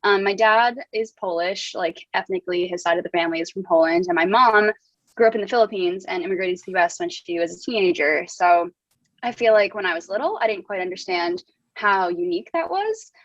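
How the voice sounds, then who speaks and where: A woman's voice: on the low side, lively intonation, fairly quick, fairly bright tone, no echo, highs cut off. A young woman from New Jersey, a guest author talking casually in an interview, full of "like" and "um". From New Jersey, USA. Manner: chatty, heavy use of "like" and "um".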